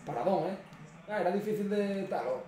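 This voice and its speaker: A man's voice: sits high, expressive, moderate pace, mellow, slight background noise. A young man with a Spain Spanish accent, reacting live to a football match, swearing and exasperated at the screen. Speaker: streamer. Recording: echoey room.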